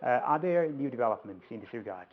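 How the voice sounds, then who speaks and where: A man's voice: medium pitch, lively intonation, fast talker, faint music behind. A man working as an interviewer, putting formal questions to a guest. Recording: dull lo-fi audio.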